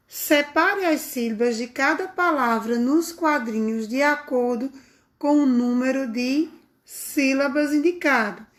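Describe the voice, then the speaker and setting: Woman teacher, high voice, unhurried, sing-song for little kids, phone-recorded lesson. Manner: slow, sing-song, affectionate teacher talk to young children. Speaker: primary school teacher. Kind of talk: recorded remote lesson for children.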